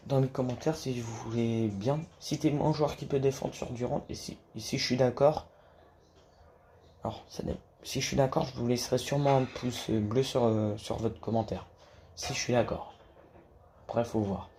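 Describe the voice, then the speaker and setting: Guy chatting casually about hoops, lots of restarts, kinda dark voice, a bit of hiss in the room. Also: medium pitch, fairly even intonation, moderate pace. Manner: hesitant, many restarts and fillers, swears casually. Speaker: basketball YouTuber. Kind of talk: casual rambling monologue to camera.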